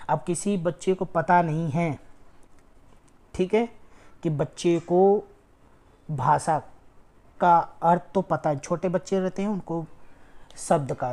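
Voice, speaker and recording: A woman with a fairly low pitch and warm tone teaches an online lecture for exam prep. She breaks things down step by step, repeats key words to stress them, and often pauses to ask "ठीक है".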